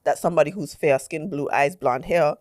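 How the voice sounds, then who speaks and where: A woman's voice: deep voice, brisk, a little mellow, dry recording, studio quality. A young woman co-hosting a podcast in a chatty, slangy way. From Dutch Caribbean islands. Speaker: podcast co-host. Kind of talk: casual podcast chat.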